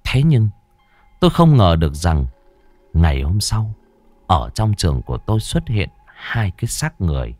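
A man's voice: sits low, sing-song, moderate pace, a little mellow, no room sound, faint music behind. A man reading a ghost story aloud with a dramatic, suspenseful delivery. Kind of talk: scripted horror narration.

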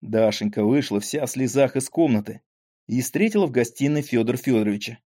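Guy reading an old novel aloud, calm and steady, darkish mellow voice. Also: mid-range voice, a little fast. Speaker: narrator. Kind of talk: audiobook narration of classic prose.

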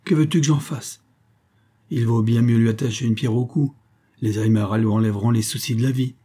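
A man's voice: mid-range voice, steady tone, a little fast, warm tone, slightly rough, lightly acted. A man voicing a grim Indian father who speaks bluntly and coldly in a spoken storybook.

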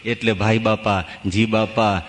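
A man giving a religious discourse, telling stories and reciting folk verses with animated rises and drops. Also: on the low side, measured pace. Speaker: swami giving a scripture discourse. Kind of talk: sermon. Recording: long reverb of a hall.

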